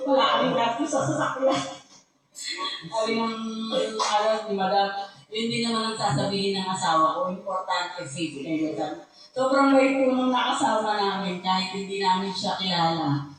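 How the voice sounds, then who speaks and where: A woman telling a lively, laughing story as a church testimony, speaking politely. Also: medium pitch. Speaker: church member giving testimony. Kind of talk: testimony in worship service. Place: church hall. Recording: very echoey hall from far off.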